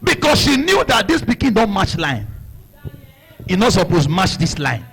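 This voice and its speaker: A middle-aged man with a Nigerian accent, preaching a sermon as a story, animated, laughing and shouting for emphasis. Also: high-pitched, moderate pace, gravelly, slightly rough. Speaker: pastor.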